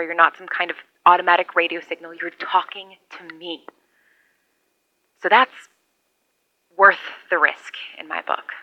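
A woman's voice: on the low side, no echo, lo-fi sound. A woman playing a wry, lonely survivor who rambles into a two-way radio, heard through it. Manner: rambling, self-deprecating, wry. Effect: transmitted over a two-way radio. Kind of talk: audio drama monologue.

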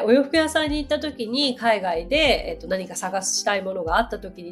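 A woman hosting a casual podcast about English expressions, chatty with frequent laughs and fillers. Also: mid-range voice.

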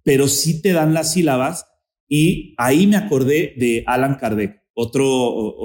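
A man's voice: mid-range voice, a little mellow, reverberant. A man appearing as a podcast guest, talking casually about spirituality and often searching for words as he goes.

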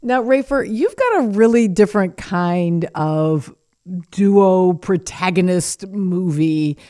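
A woman's voice: lowish voice, expressive, slow, mellow. Chatty radio host woman. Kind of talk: casual radio interview.

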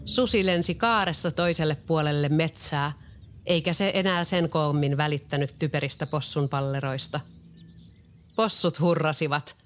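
Steady children's-story narrator, middle pitch, faint hiss behind. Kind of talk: storybook read-aloud.

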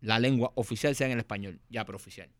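Guy, fast and punchy, keeps hammering his point, dry studio sound. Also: mid-range voice, no echo. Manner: emphatic, repeats his points, asks "¿entiendes?". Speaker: co-host playing a mock president. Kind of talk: comedic casual banter.

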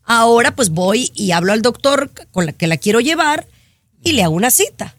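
Animated woman hosting a chat show. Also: a little high, moderate pace, dry recording, studio quality. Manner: animated storytelling, exasperated. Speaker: show host. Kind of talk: casual chat. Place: in Florida.

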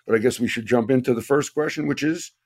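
A man hosting a podcast in casual talk, his voice worn out and hoarse from overuse. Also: medium pitch, fast talker, darkish tone. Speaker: podcast host.

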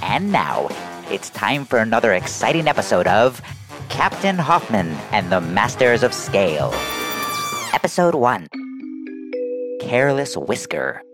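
Dramatic old-time serial announcer. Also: male voice, medium pitch, big pitch swings, measured pace, pauses often, over music.

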